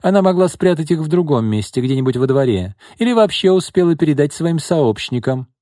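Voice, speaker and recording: A man's voice: fairly high pitch, big pitch swings, fairly quick, warm tone, no room sound, studio quality, voice pushed up. A man voicing a cold, commanding mistress of the house who accuses her maid, in an audiobook. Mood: cold, accusing.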